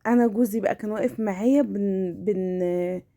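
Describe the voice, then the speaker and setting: Female home vlogger, Egyptian Arabic accent. Soft-edged, mellow tone, chatty and familiar, often restarting phrases mid-thought. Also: mid-range voice, fairly quick. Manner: hesitant, repeating and restarting words; familiar, addresses viewers as family. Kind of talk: casual chatty voice-over of household routine.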